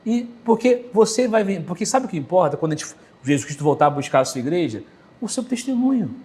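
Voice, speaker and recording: A male pastor from Brazil, with a Brazilian Portuguese accent, preaching an animated sermon to a men's meeting, full of vivid personal anecdotes and acted quotes. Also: sits high, quick pace, breathy edge.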